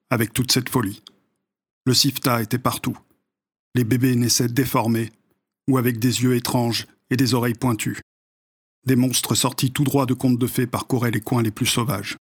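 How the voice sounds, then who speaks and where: A man reading a story aloud as narrator, at a measured, even pace. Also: medium pitch, breathy edge. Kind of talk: audiobook narration.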